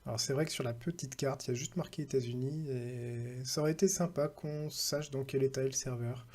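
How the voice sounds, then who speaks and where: Husky, mellow-voiced man narrating a tutorial. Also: medium pitch, steady tone, fairly quick. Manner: thinks aloud, reading out numbers with hesitant fillers. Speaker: tech tutorial presenter. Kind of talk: casual screen-recording walkthrough.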